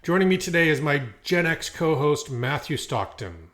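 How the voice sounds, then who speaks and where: A man's voice: fairly high pitch, big pitch swings, moderate pace, a bit bright. A middle-aged man hosting a podcast, reading an upbeat introduction with a few fillers. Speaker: podcast host.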